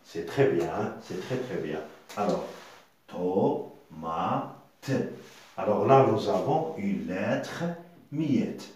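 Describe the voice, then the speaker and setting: A man's voice: fairly low pitch, expressive, a little mellow. A man teaching a reading lesson, patiently repeating words and sounding out syllables one by one. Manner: repetitive, patient, sounds out syllables slowly with tags like hein. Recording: very echoey room.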